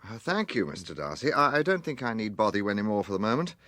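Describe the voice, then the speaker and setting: Inspector Alleyn, courteous British detective. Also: male voice, on the low side, sing-song, a bit bright. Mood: quiet, firm. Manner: measured, polite, questioning. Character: courteous, probing gentleman police inspector. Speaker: radio drama actor. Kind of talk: British radio detective drama acting.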